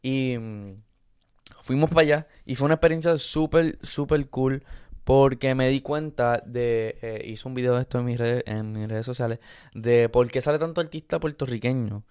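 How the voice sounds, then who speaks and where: A man, a content creator and co-host, telling a story in a relaxed, rambling way full of fillers and restarts. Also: mid-range voice, normal speed, clear, resonant tone. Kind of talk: casual storytelling chat. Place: studio in Miami.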